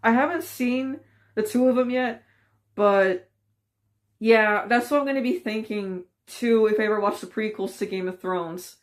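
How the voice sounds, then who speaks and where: A woman's voice: on the high side, moderate pace. Woman ranting casually on camera. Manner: ranting, frustrated, rambling with fillers. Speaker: vlogger. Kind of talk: casual opinion commentary.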